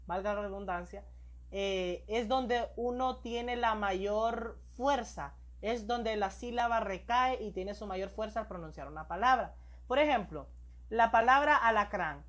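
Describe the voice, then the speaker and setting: A woman teaching a recorded grammar lesson, speaking slowly and clearly, putting questions to the viewer and answering them herself. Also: medium pitch.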